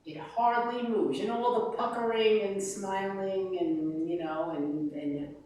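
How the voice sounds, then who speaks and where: Woman vocal coach, unhurried, demonstrative, recorded from across a very reverberant room. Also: medium pitch, slight background noise. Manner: animated, demonstrates sounds and sung lines. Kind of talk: master class teaching. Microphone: distant room mic. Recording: very echoey room from far off.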